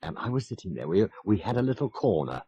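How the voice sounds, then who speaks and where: A man in his fifties hosts anecdotal radio chat, telling self-mocking, wry tales and laughing softly as he goes. He talks fast and very animatedly in a fairly low, warm voice with a breathy edge. There's no room sound, though the broadcast sounds old and muffled.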